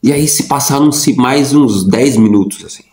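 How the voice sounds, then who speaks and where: Guy rambling through a personal story, lots of fillers, mellow voice, echoey room. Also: mid-range voice, normal speed. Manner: rambling, full of fillers and repeats. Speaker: vlogger.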